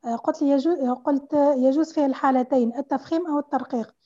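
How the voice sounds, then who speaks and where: A woman student, asking her teacher a question in an online class and pausing often to search for words. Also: sits high, warm tone, highs cut off. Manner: hesitant, many pauses and fillers.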